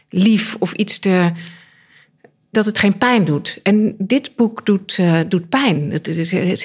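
A woman's voice: medium pitch, breathy edge. A woman writer giving her candid view of a book, searching for words as she goes. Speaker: guest writer. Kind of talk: literary discussion.

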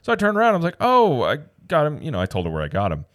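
A man's voice: fairly low pitch, huge pitch swings, racing, no echo, clean studio sound. A man co-hosting a podcast, chatting casually and telling a long story that wanders, acting out what people said. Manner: rambling storyteller, acts out quotes. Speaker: podcast co-host. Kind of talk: casual chat.

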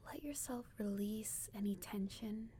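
A woman leading a guided meditation like a sleep story narrator, in a soft, breathy near-whisper, soothing and gentle, with long pauses. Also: mid-range voice, a little hiss or hum.

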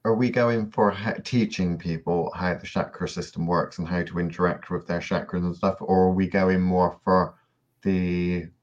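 A man co-hosting a podcast in casual discussion, dry and sardonic, often trailing off quietly at the ends of sentences. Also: low voice, highs cut off. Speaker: podcast co-host.

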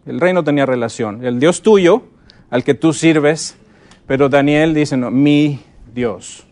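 A conference speaker gives a lively lecture on teaching Bible stories, his voice on the high side and his pace a little slow. He frequently checks in with the audience by asking them questions.

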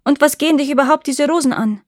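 Woman doing bright-voiced young noble girl. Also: no echo, studio quality, natural voice. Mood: defensive. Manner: high, excited, quick outbursts. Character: beautiful young noblewoman, spirited and easily startled. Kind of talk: storybook character voice.

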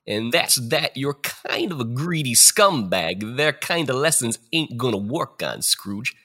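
Man playing a wise-guy ghost of future, husky tough-talk, wild pitch swings. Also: sing-song, measured pace, pushed and bright, exaggerated voice. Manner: streetwise gangster slang, gruff. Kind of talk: comedic audio drama.

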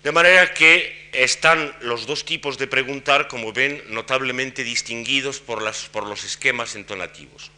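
A man giving an academic lecture on grammar and intonation, explaining in a measured way with frequent pauses. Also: medium pitch, bright, forceful tone. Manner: demonstrates intonation patterns by voicing example questions.

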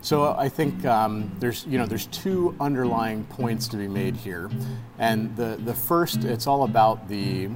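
A man guesting on a podcast, telling stories in a relaxed, casual way with lots of "you know" fillers. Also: on the low side, a little slow, loud music behind the voice.

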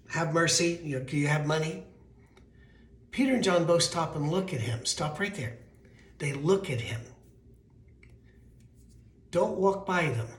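A man's voice: a little high, a bit bright. An American man, a pastor giving an informal, earnest sermon with stories and scripture, his voice thin and weakened by allergies. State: voice weak from allergies. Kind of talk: conversational sermon with storytelling and scripture reading. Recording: roomy, echoing sound.

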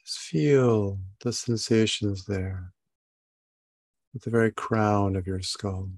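A man guiding a body scan meditation in a calm, soothing, halting manner with long pauses between phrases. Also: fairly low pitch. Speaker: meditation guide.

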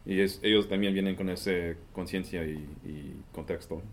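Very low-voiced male interviewer. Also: moderate pace, a little hiss or hum. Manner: relaxed, mixes in English words. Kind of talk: casual conversation.

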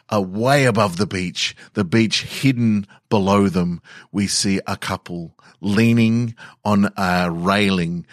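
A man narrating an improvised scene slowly and descriptively, with a few fillers. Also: low-pitched, no echo, clean studio sound. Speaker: storyteller.

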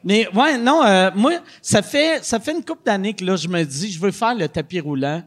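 A man's voice: sits high, animated, normal speed. A man in his forties with a Quebec French accent, hosting a casual podcast chat, joking crudely and mocking himself. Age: 40s. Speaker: podcast host.

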